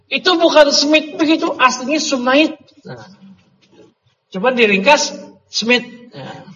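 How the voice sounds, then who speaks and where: A middle-aged man runs an Arabic grammar class in a casual, chatty way, quizzing students and slipping in jokes. His voice is high and a bit bright. The lo-fi recording sounds dull, with long reverb and faint noise.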